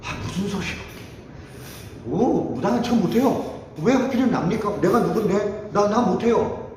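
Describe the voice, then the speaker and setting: Picture a timid, grumbling ancient man who whines and protests that he cannot do what is asked, as a preacher puts him on. His voice is pitched high and jumps around with lots of movement. It rings out in an echoey hall. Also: lively intonation, moderate pace, darkish tone, a little hiss or hum, lightly acted. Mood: protesting. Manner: whining, protesting. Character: fearful, complaining ancient Israelite man.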